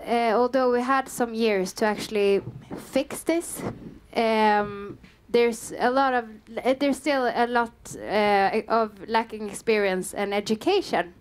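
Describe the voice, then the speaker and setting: A Swedish content manager with a southern Swedish accent gives a conference-style meetup talk through a headset mic in a dim meeting room before a small audience. Her fairly high voice is smooth, and she's chatty, full of um and uh, with light self-deprecating humor.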